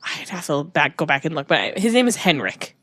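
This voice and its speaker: A woman's voice: deep voice, big pitch swings, brisk, fairly bright tone, no room sound, clean studio sound. A woman hosting a casual book podcast, rambling and correcting herself as she talks. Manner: rambling, restarts and self-corrections. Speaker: podcast host. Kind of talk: casual chat about books.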